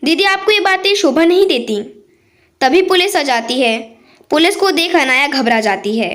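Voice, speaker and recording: A woman narrating a family moral story in a steady, plain way. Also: sits high.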